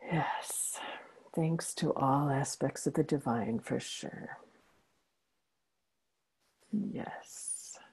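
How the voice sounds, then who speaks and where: A woman facilitating a healing session over a video call, speaking softly and encouragingly. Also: extremely low pitch, slow pace, breathy edge, rough recording. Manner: soft, soothing and encouraging. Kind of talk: gentle guided closing talk.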